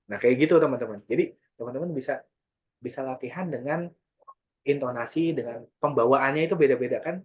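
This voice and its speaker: A man speaks in a relaxed, chatty way during an online workshop, now and then acting out little example lines for his listeners. His voice is slightly husky, of middling pitch. The sound is dull and lo-fi, like audio from a video call. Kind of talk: casual online workshop talk.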